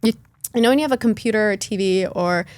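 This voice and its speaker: A woman's voice: mid-range voice, fast, a little mellow, no echo. Earnest chatty woman guest, dry sound. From born in Lithuania, raised in Chicago. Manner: earnest, chatty, with light laughs and fillers. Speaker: podcast guest. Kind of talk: candid personal storytelling.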